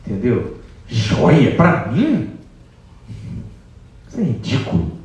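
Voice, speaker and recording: A man's voice: medium pitch, wildly swooping pitch, slow, darkish tone. A man putting on a scornful captive queen. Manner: scornful, commanding. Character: defiant captive queen Sita, proud woman. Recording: echoey hall from far off.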